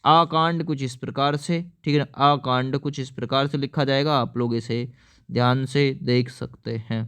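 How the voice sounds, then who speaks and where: A man's voice: medium pitch, fairly even intonation, moderate pace, fairly bright tone, clear, resonant tone. A man teaching an exam-prep lesson, explaining each answer step by step and often asking viewers to answer.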